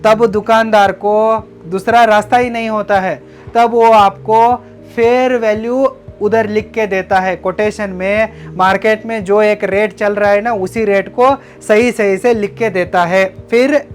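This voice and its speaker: A man's voice: high-pitched, steady tone, a little slow, soft background music. A man narrating a business lesson, giving step-by-step tips in an instructive way and addressing viewers as friends. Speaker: business educator. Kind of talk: scripted narration.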